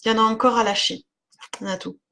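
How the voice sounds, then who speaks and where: A woman with a slightly high voice leads a live oracle card reading and chats easily with her viewers, greeting them by name and filling pauses with little hesitations. A faint hiss sits under the recording. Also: steady tone. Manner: warm, chatty, frequent fillers and laughs, addresses viewers by name. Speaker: spiritual oracle card reader on a live stream.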